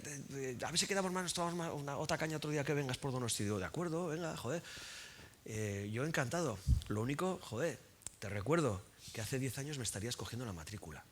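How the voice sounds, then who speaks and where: With a voice on the high side and a touch of hiss or hum, a man speaks at a public book presentation. His talk is blunt and colloquial, full of swearing, false starts and repeated words while he thinks aloud.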